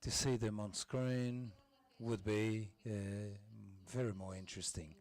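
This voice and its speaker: Slow, halting man. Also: on the low side, steady tone, a little mellow. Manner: halting, stop-and-start delivery. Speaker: simultaneous interpreter. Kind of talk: live interpreting of ceremony speeches.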